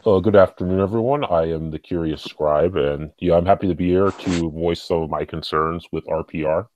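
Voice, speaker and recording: A man's voice: low-pitched, normal speed, darkish tone, slight background noise. A man speaking as a podcast guest, rambling casually with lots of fillers like "and stuff.".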